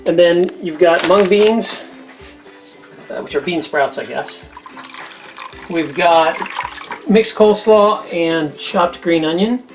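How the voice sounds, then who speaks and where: Low-voiced chatty woman cooking at home. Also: takes it slowly, long pauses, faint music behind. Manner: rambling, chatty storytelling. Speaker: cooking channel host. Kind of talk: casual chat while cooking. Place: home kitchen.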